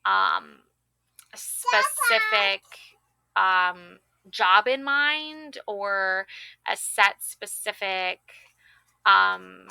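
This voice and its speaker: A woman giving a casual, chatty tarot reading, excitable and full of fillers and self-corrections. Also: mid-range voice, extremely slow, gravelly, clean tone, no echo. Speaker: tarot card reader.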